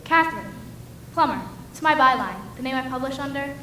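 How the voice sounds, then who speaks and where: A young woman on a school stage playing an ambitious young reporter who talks briskly and persuasively. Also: sits high, animated, pushed and bright. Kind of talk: school stage musical acting. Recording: echoey hall, faint noise.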